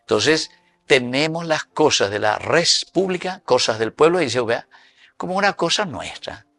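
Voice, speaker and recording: Paraguayan priest preaching with a gravelly voice. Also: male voice, on the high side, moderate pace, no echo. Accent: Paraguayan Spanish. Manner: lively preaching with sudden loud and soft swings. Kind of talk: sermon mixing Guarani and Spanish.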